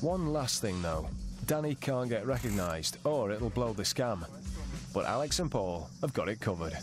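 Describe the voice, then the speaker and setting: Casting: man for dramatic TV voice-over, lowish register, music underneath. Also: expressive, moderate pace. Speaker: narrator. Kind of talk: scripted TV narration.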